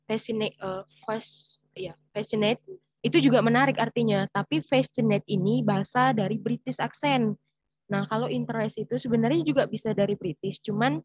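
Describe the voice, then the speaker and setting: A woman's voice: on the high side, darkish tone, muffled recording. A young woman from Indonesia answering questions in an online writing class, explaining with lots of fillers and restarts. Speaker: writing workshop mentor. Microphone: video call.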